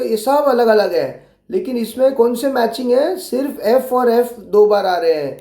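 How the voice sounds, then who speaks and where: A man's voice: sits high, dark tone. A man teaching young children, patiently spelling out letters and repeating his prompts. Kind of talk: explaining a workbook lesson to young children. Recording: roomy echo.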